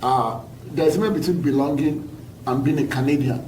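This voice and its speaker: A man's voice: mid-range voice, a little fast, darkish tone. A man with an African accent hosting a conversational panel discussion, often repeating phrases and checking that listeners understand. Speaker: host. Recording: echoey, distant mic, faint noise.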